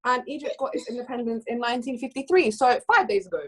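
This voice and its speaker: A woman co-hosting a casual chat, speaking in an animated way and running through her points as rhetorical questions. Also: a little high, fast talker, husky. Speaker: co-host.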